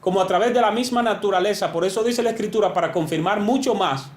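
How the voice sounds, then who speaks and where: A man's voice: high-pitched, fast talker, echoey room. A man preaching a sermon, earnest and emphatic, rising and falling as he makes each point.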